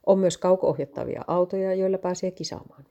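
An enthusiastic male vicar proudly shows off everything his parish has, read by a woman. The voice sits low and soft-edged, and the delivery runs on like an eager sales pitch. It is told as a plain read-aloud story. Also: gravelly, muffled recording. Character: cheerful male vicar showing off parish clubs.

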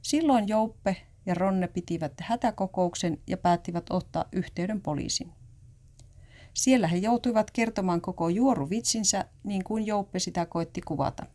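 A woman narrating a story aloud in a calm, even storytelling manner. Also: mid-range voice.

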